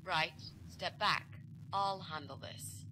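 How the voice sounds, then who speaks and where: An actress voicing a young female student, a bright, fast talker who schemes. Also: fairly low pitch, noisy background. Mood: scheming. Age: young adult. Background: game music.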